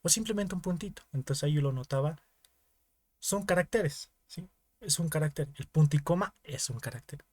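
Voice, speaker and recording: A man's voice: on the high side, normal speed, husky, dry recording. A young man with a Bolivian Spanish accent teaching an online class, explaining in small repeated steps and often checking with the students. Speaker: teaching assistant.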